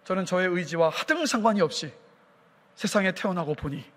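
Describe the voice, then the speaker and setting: A man from the Chungcheong region preaching a sermon as pastor, putting repeated questions to the congregation and building to emphatic high points. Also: expressive, fairly quick, a bit bright. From South Korea, Chungcheong region. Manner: fires rhetorical questions at the congregation, rising to emphatic peaks. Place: church sanctuary. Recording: long reverb of a church hall.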